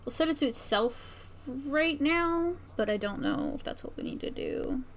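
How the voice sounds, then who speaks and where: Her high, bright voice has lively intonation at a normal speed as she streams her work, casually thinking aloud and often trailing off. Faint background noise, keyboard typing and mouse clicks can be heard.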